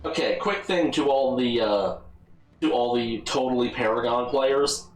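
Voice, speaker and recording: A man's voice: mid-range voice, unhurried, roomy sound, soft background music, poor audio. A man giving casual, rambling gameplay commentary with a wry humor, often correcting himself. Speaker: let's play host.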